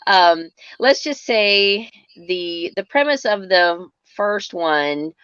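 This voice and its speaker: A woman's voice: mid-range voice, lively intonation, slow pace, a bit bright, clean tone, no room sound. A woman hosting a casual live-stream book interview, heard over a phone. She talks in a chatty, upbeat way with many fillers and restarts. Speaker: host. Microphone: phone mic. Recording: dull, dry phone audio.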